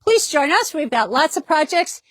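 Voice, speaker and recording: A woman's voice: high-pitched, very animated, moderate pace, fairly bright tone, dry recording, clean studio sound. A woman hosting a casual product demonstration in a fabric shop, chatty and upbeat, often repeating herself.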